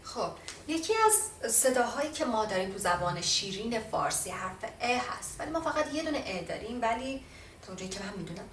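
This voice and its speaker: A woman from Iran gives a casual lesson on pronunciation, slowing down to model each English sound. Her voice is a little off the mic in a roomy space. A faint ambience runs behind her. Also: fairly high pitch, expressive, a bit bright, recorded from a distance, slight background noise. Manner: explains by modelling sounds slowly, with fillers. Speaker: language teacher.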